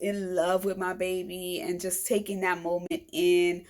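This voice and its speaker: Chatty, animated woman telling a story. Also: on the low side, a little slow. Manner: animated, chatty, acts out quoted dialogue; frank and humorous. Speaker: vlogger. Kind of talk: casual storytelling to camera.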